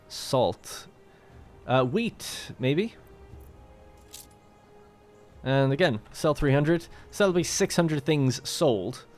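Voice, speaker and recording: A man's voice: mid-range voice, a little mellow. A man hosting a let's play, talking casually and thinking aloud as he plays a strategy game. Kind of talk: gameplay commentary.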